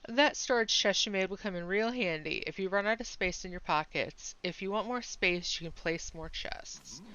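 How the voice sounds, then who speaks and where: A woman reading as a gruff but friendly innkeeper. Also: fairly low pitch, moderate pace, a bit bright, no echo, muffled recording, close to an everyday voice. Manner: reads game dialogue aloud in an easy, chatty way. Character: friendly welcoming village innkeeper, a bit grumpy.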